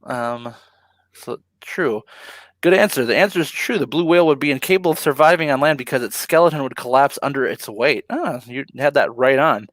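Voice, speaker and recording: A man co-hosting a casual live stream, relaxed and laughing easily, with plenty of ums. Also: mid-range voice, fairly quick, no room sound. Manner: laid-back, laughs often, many ums. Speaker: co-host of a live ocean talk stream.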